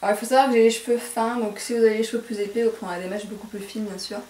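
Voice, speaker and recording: A woman with a slightly high voice and a posh French accent demonstrates a hair tutorial. She hesitates often, pads her phrases with fillers and keeps correcting her own words. The camera picks her up from some distance in a roomy, echoing space. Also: fairly even intonation, racing, a little mellow. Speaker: beauty vlogger. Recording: echoey room, mic at a distance.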